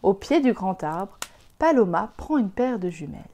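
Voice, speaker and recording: A woman tells a children's story aloud, gentle and clear. Her voice is mellow and warm, at an ordinary middle pitch. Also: very animated, moderate pace.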